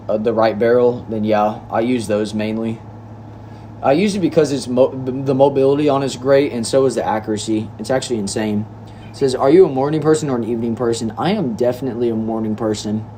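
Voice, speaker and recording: A medium-pitched, mellow voice belongs to a nineteen-year-old from Texas reading viewer comments aloud during a casual livestream indoors. Relaxed and chatty, he calls viewers bro and y'all, and slight background noise can be heard.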